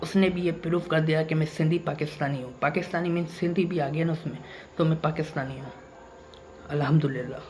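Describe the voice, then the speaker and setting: A man's voice: a little high, fairly even intonation, quick pace, darkish tone, a little hiss or hum. Emphatic, repetitive man vlogging. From Pakistan. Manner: repetitive and emphatic, circles back to the same points. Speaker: YouTuber. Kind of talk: casual vlog monologue.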